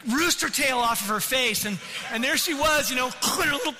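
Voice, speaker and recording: A middle-aged man preaching and telling a family story, acting it out with big swings from loud to hushed. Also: very high voice, a little fast, background noise. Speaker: pastor. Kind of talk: sermon storytelling. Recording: long hall reverb.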